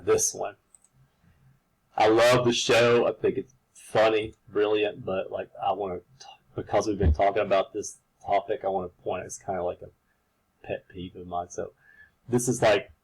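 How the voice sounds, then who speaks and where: A rambling, casual male instructor with a husky, low voice. He walks through a screen-share demo full of restarts and filler words. His tone stays relaxed and informal throughout. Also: poor audio. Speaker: computer science instructor. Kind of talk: recorded screen-share lecture.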